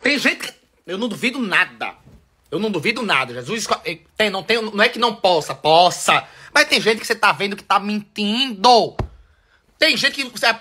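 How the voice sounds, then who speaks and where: Bright-voiced theatrical man. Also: high voice, expressive, a little fast. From Brazil. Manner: theatrical, emphatic, swears freely. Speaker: vlogger. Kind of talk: venting monologue to camera.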